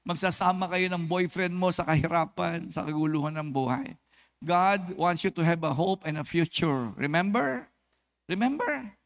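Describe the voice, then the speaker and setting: A man with a Filipino accent, a pastor preaching an animated sermon at a church service and acting out quick comic exchanges. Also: a little high.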